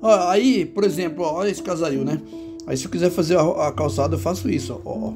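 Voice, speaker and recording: Brazilian male drawing teacher, chatty and gravelly, on a handheld phone. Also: fairly high pitch, fast talker, music in the background. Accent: Brazilian Portuguese. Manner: chatty, talks to himself while drawing. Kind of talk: casual drawing lesson.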